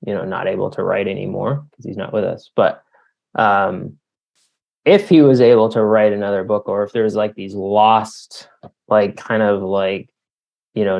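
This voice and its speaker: Fairly low and a little mellow, the voice of this Canadian writer carries vocal fry, captured on lo-fi sound. He's being interviewed and thinks his answers through aloud, explaining casually and peppering them with "like" and "you know."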